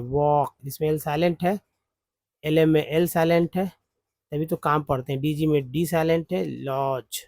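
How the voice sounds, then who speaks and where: A man teaching English phonics from slides, explaining word parts slowly. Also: a little high, darkish tone, no room sound. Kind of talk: slide-based phonics lesson.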